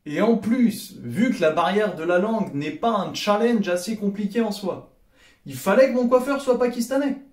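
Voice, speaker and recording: Animated young Frenchman in an echoey room. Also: high voice, moderate pace. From France. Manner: sarcastic, animated, acts out dialogue. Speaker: comedy vlogger. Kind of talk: comedic storytelling monologue.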